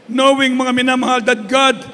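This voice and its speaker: A male Filipino preacher delivers a sermon in a very high, bright voice, switching freely between Tagalog and English. He returns again and again to the same fond address to his listeners. The voice carries a long reverb from a large church hall. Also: little pitch movement, normal speed.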